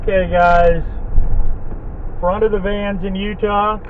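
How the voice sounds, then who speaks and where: A man's voice: high-pitched, little pitch movement, slow pace. A man working as a tour guide, chatting easily about local facts from inside a van, captured on old camcorder tape. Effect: old camcorder tape recording. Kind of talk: casual chat while guiding a tour. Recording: lo-fi camcorder tape with loud vehicle noise.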